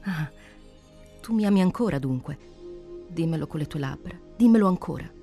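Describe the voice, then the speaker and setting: A proud male pirate chief, put on by a reader, passionate and declaiming with fervour in a dramatic storybook reading. The voice is dark and mellow and keeps rising higher and louder. Faint music plays behind it. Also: lively intonation, normal speed, lightly acted. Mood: ardent. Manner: fervent declaiming. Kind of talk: dramatic reading of an adventure novel.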